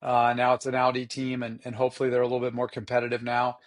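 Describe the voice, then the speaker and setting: A man co-hosting a podcast in casual motorsport chat, with a hoarse, rough voice and a rambling, slangy, enthusiastic way of talking. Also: mid-range voice, completely flat delivery, quick pace. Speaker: podcast co-host.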